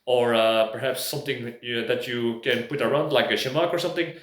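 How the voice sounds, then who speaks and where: Speaking briskly in a steady, mid-range voice, a prepper video host from Belgium reviews a product casually in English, a language that isn't his native one. He pauses hesitantly to find words, and the room echoes.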